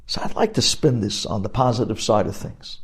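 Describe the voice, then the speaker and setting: A rabbi with a lowish, gravelly, slightly rough voice speaks briskly with lively intonation. Teaching religious law, he explains emphatically, raising questions and then answering them himself.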